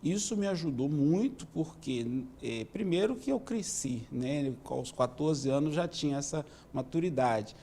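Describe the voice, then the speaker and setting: A man, a police chief answering interview questions in a measured, explanatory way, often adding "né". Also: on the high side, expressive, mellow, slight background noise. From Minas Gerais, Brazil. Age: 50s. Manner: measured, explanatory, with many "né" tags.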